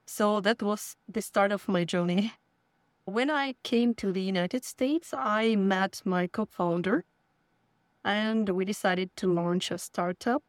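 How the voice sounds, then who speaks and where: A woman from Ukraine who learned the language later answers interview questions about her work. She speaks slowly and haltingly, with many fillers and restarts. Her voice is close and dry. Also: mid-range voice, no room sound. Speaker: guest, company founder.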